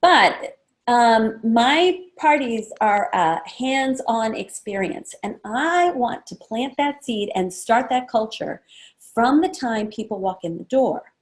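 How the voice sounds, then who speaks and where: A woman running a sales training session, casual and chatty, acting out guest conversations in a livelier voice. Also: slow. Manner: acts out guest chats in a lively higher voice; casual, chatty, many fillers. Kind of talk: training talk to a small group.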